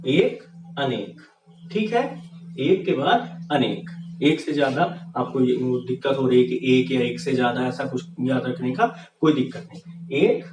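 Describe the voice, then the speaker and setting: Echoey male grammar teacher. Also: mid-range voice. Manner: explains by asking questions and answering them himself, often says "ठीक है". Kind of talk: classroom-style grammar lesson. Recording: echoey room, far from the mic, with noise.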